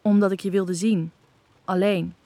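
A woman's voice: medium pitch, steady tone, unhurried, mellow, natural voice. A woman reading a teasing young man.

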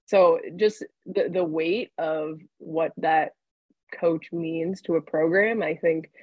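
A woman's voice: sits low, steady tone, slow pace, dry recording. A young woman, a sports reporter, chatting casually on a podcast with many fillers and restarts. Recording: dull, dry lo-fi sound.

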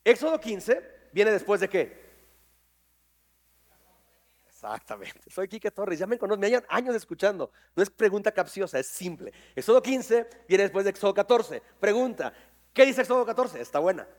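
A man preaching a sermon to his congregation, lively and jokey, quizzing people on verses. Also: high voice, normal speed. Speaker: pastor. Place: church hall with congregation.

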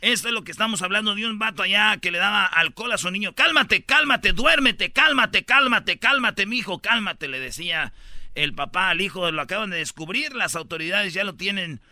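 Man, Mexican accent, radio comedy host, slangy and rowdy, very bright tone. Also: high voice, quick pace, no room sound, clean studio sound. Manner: rowdy, jokey, slangy storytelling.

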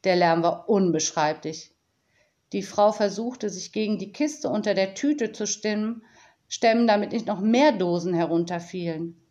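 A woman narrating a children's audiobook in a calm, deliberate storytelling manner. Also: mid-range voice.

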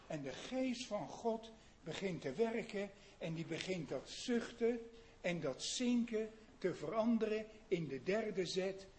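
A man preaching a sermon in an earnest way, asking his listeners questions and swinging between hushed and loud emphasis. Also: high voice, a little hiss or hum. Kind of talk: sermon on a psalm.

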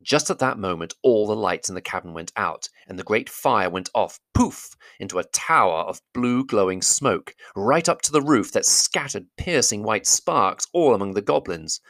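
A man with a very low voice that still has a bright, forceful edge, reading aloud in a steady, measured way. The sound is dry and close, with almost no room around it. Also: no room sound. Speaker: narrator. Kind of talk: audiobook reading.

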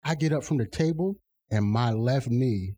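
A man's voice: medium pitch, lively intonation, normal speed, warm tone. A man co-hosting a podcast, chatting casually, joking and laughing a lot. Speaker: podcast co-host. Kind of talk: casual chat.

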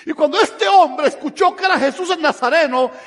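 Fervent high-voiced male preacher in hall. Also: fairly quick. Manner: fervent, swinging between hushed and shouted. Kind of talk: sermon. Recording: long hall reverb.

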